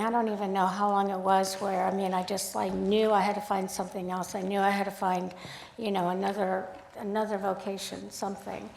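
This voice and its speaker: A woman photographer giving a casual, storytelling talk at an art club, chatty and animated, acting out the dialogue she recalls. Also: mid-range voice, gravelly, slight background noise. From United States, grew up in Sacramento. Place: art club event room. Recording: echoey room.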